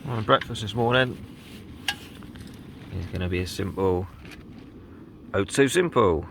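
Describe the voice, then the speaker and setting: A man chatting casually through an outdoor camping vlog, relaxed, with plenty of ums. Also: fairly low pitch, a little slow, slight background noise. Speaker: wild camping vlogger. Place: outdoors on a windy hillside.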